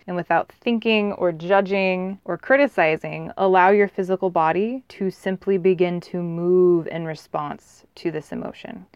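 A woman speaking as a wellness coach on a podcast, gently and soothingly guiding listeners to tune in to their bodies. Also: lowish voice, clear, resonant tone, dry recording, lo-fi sound. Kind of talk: guided body-awareness talk in a podcast conversation.

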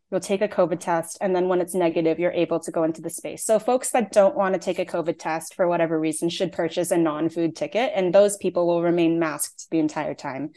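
With a mellow voice on the low side, a young Canadian playwright and actor in her twenties chats through interview answers. She leans heavily on "um" and "like."

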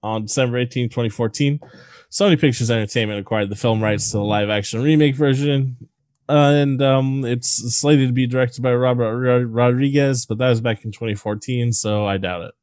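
A man's voice: mid-range voice, fairly even intonation, brisk, a little mellow, no room sound, clean studio sound. A man co-hosting a casual movie podcast, crude and joking, rambling with fillers. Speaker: podcast co-host.

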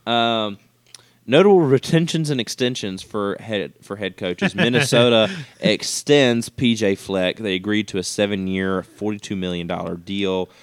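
A man's voice: fairly low pitch, moderate pace, smooth, no room sound. A man co-hosting a casual sports podcast, reading news items with fillers and restarts. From West Virginia fan. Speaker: podcast co-host.

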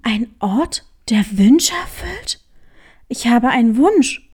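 Earnest young boy hare, a bit lower, lively and pleading, played by a woman. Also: a little slow, lightly acted. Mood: eager. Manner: eager, earnest. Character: young male hare, eager dreamer.

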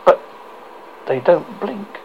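A person reading a story aloud as a narrator, in a halting way that often stumbles over and repeats words. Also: medium pitch, lively intonation, narrow, tinny audio, a little hiss or hum.

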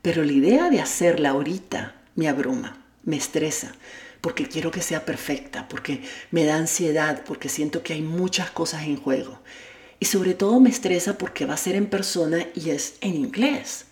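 In an echoey room, a Spanish-speaking-born life coach and podcast host coaches through a motivational monologue at normal speed. Her voice is low with a darkish tone. An adult with a child at home, she talks to the listener directly, candid and willing to poke fun at herself.

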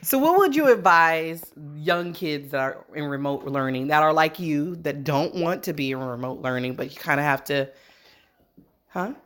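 A woman's voice: deep voice, lively intonation, normal speed, a bit bright. A woman in her thirties, a mother hosting a parenting video, chatting casually and playfully, teasing and laughing often. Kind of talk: casual family chat.

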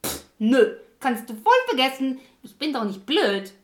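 An actress playing a lazy, selfish young stepsister who talks in a whiny, snappy way. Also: female voice, high voice, sing-song, a little slow. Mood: bratty. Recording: echoey room.

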